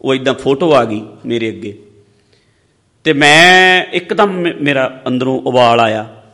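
A man giving a sermon, mixing advice with personal stories, swinging between loud emphasis and soft low asides. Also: animated, unhurried. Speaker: religious preacher. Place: large hall or stage. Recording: long hall reverb.

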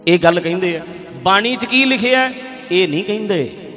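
A man's voice: sits high, expressive, moderate pace, a bit bright, big-room sound, faint music behind. A man preaching a fiery sermon full of rhetorical questions and mocking jabs. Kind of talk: impassioned sermon.

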